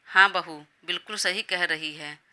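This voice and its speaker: A woman's voice: on the low side, fairly even intonation, a little slow, sharp tone. A woman voicing a doting old grandmother who scolds her grandson fondly and sides with the new bride. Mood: scolding. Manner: fussy, indulgent scolding.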